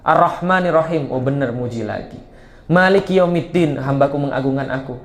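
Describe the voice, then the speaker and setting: A man voicing a calm divine voice that answers a worshipper in a low murmur. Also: brisk, close to an everyday voice. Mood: approving.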